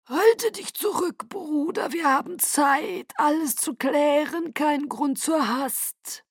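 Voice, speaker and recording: A woman's voice: high voice, dry recording, studio quality, voice pushed up. Woman doing a thin-voiced, honeyed old vampire lord. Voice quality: thin, breathy voice. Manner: slow, honeyed, quietly threatening. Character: ancient male vampire leader, thin-voiced, sugary, menacing.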